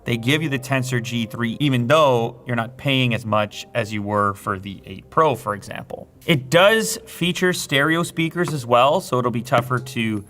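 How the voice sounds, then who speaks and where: A man hosting a hands-on product review, explaining features and reading off specs in a brisk, explanatory way. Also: medium pitch, fairly bright tone, soft background music. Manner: brisk, spec-listing, explanatory. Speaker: tech reviewer host.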